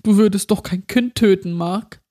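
A man voicing a creepy monster that poses as a young girl, mocking and pleading in a high, shaky voice in a spoken horror story. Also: moderate pace, mellow. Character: creepy monster girl posing as a child, taunting.

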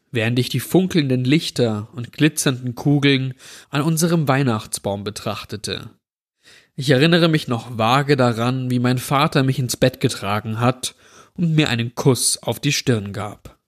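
A man narrating a scripted horror story in a slow, measured way. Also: mid-range voice.

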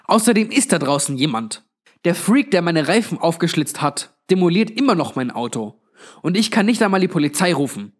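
A man's voice: fairly high pitch, very animated, brisk, pitched above the performer's own voice. A man voicing a young woman stranded at a motel, firing off urgent, insistent questions.

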